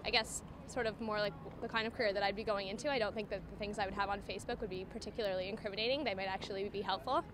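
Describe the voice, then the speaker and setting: Fast-talking young woman in a street interview. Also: mid-range voice, fairly even intonation, background noise. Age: young adult. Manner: thoughtful, hedging. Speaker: student interviewee. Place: outdoors on campus.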